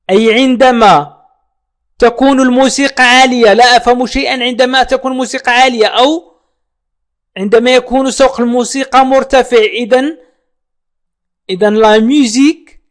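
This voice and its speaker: A man teaching French in a language lesson, repeating each phrase slowly and speaking directly to the viewer. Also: very high voice. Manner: slow, drawn-out model phrases.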